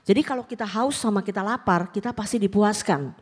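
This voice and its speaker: A woman's voice: medium pitch, a little fast, slightly rough. A woman pastor preaching a sermon, telling a personal story in a casual way and often turning to the congregation. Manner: colloquial, mixes in English phrases.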